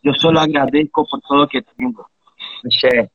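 A man's voice: medium pitch, steady tone, moderate pace, a bit bright, husky, muffled recording. A man in his thirties from Brazil, talking earnestly and reflectively in a casual interview, often ending thoughts with a question. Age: 30s. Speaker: interviewee, capoeira practitioner.

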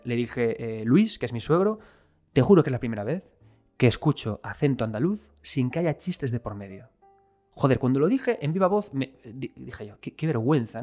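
Speaking to his audience directly, a Galician man from Spain chats enthusiastically about video games in a casual spoken review. His voice is mid-range with a darkish tone, and his style is relaxed and conversational, as befits a game commentator.

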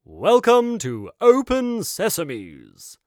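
A man voicing a large, jolly shopkeeper who speaks slowly and grandly. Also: very high-pitched, wildly swooping pitch, no room sound, studio quality, voice pushed up, heavily acted. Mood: booming. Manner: slow, grand and welcoming. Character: booming large bearded male shopkeeper, jolly.

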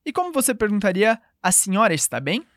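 The recording is dry and studio-clean: a woman with a Brazilian Portuguese accent patiently models phrases for repetition in a call-and-response language lesson. Her mid-range voice swings widely in pitch, and she speaks quickly.

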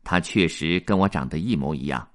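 A man voicing a calm, polite duck butler in a children's story, speaking in a soothing, steady way. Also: extremely low pitch, a little fast, voice pushed down.

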